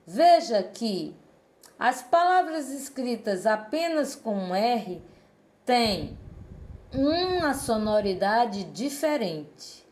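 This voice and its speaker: A woman teaching a language lesson, explaining slowly and asking rhetorical questions. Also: fairly high pitch, sing-song, darkish tone.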